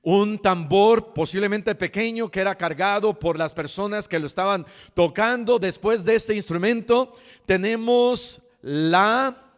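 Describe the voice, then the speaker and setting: Pastor, male, high-pitched and slow-paced, reads scripture then jokes with the congregation, recorded in a reverberant church hall. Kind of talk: sermon. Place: church sanctuary.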